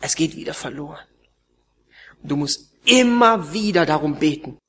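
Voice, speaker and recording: A man preaching a sermon and telling his own story, emotional, swinging between raised pleading and hushed, almost whispered passages. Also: on the high side, expressive, moderate pace. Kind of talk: sermon testimony.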